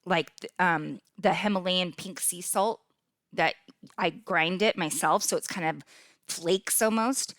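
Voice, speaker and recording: A woman's voice: on the low side, a little slow, fairly bright tone, no echo, clean studio sound. A middle-aged woman hosting a fitness podcast in a casual, upbeat way, often checking in with "okay?" as she explains. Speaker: podcast host and fitness coach.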